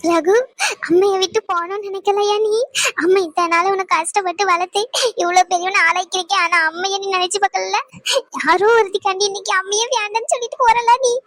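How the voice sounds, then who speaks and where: A woman's voice: sits high, level tone, quick pace, a bit bright. A woman voicing an emotional middle-aged mother in a cartoon who dotes on her son. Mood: hurt. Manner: emotional, pleading then tender. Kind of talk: cartoon voice acting.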